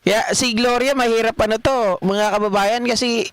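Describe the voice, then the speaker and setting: A man's voice: very high-pitched, fairly even intonation, moderate pace, a bit bright, smooth. A middle-aged Filipino man hosting a political livestream, reading viewer comments in a chatty way and laughing often. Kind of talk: casual live commentary reading chat.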